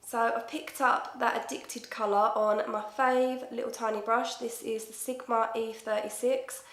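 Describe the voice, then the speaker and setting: A woman's voice: a little high, level tone, measured pace, fairly bright tone. A woman in her twenties with an Essex accent, chatting casually and swearing freely through a makeup tutorial. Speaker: makeup vlogger. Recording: echoey room.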